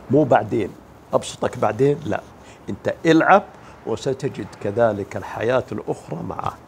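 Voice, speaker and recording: A man's voice: medium pitch, vocal fry, a little mellow, slight background noise. A man giving a motivational religious talk, emphatic, asking rhetorical questions and mimicking the people he describes. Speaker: motivational speaker.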